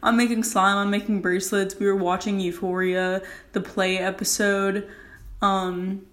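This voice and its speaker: A woman's voice: medium pitch, flat delivery, normal speed, a bit bright. Young woman rambling casually in a bathroom. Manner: rambling, informal, frequent "like". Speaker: podcast host. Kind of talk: casual solo podcast chat.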